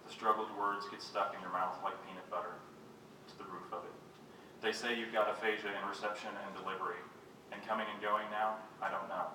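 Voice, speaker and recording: A man giving a live poetry reading, reading his own poems in a measured, unhurried way and making wry, self-mocking jokes between them. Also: lowish voice, level tone. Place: reading venue with a live audience. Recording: very echoey room, voice picked up from a distance, faint background noise.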